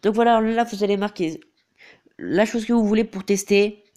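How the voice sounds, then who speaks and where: A congested teenage boy narrates a game tutorial over his screen with a high-pitched, darkish voice at a moderate pace. As a gaming YouTuber he often hesitates, falling back on filler and repeating "donc voilà".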